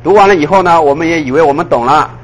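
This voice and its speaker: A man preaching a sermon in a lively way. He fires off rhetorical questions at his listeners and often chuckles at his own points. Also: on the high side, rapid-fire, slight background noise, poor audio.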